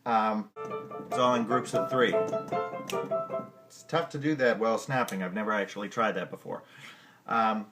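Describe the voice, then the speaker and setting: This man's voice sits on the low side, and he moves at a moderate pace with frequent pauses. In casual outtakes from his music lesson podcast, taught at the piano, he keeps stumbling, laughs at himself and curses under his breath, while his own piano or guitar plays underneath.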